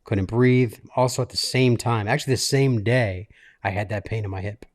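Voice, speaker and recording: A man in his late thirties hosting a casual podcast from a living room, telling a personal story in a halting, self-interrupting way. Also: mid-range voice. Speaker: podcast host. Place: makeshift studio in a living room.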